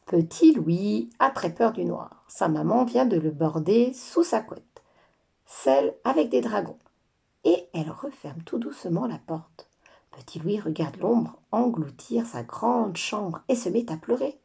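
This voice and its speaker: A woman teacher reading children's stories aloud with lively, expressive storytelling. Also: medium pitch, a little slow, vocal fry, breathy edge.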